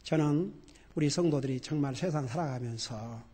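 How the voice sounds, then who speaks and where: A middle-aged man preaching a sermon as pastor, animated and laughing, swinging between loud exclamations and quiet emphasis. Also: mid-range voice, normal speed, husky.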